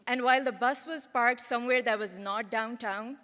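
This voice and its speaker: A woman with a fairly high voice gives a graduation speech in a friendly, storytelling way. She stands at an auditorium podium microphone, and long hall reverb surrounds her voice. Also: fairly even intonation, normal speed, sharp tone. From Pakistan. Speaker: graduating student speaker. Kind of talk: commencement speech. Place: large auditorium.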